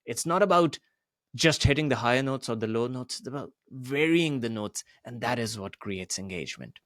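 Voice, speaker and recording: A man's voice: expressive, a bit bright, no echo, studio quality. Demonstrative male speaking coach. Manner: deliberate, demonstrative, varies pitch and volume. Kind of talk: voice coaching lesson.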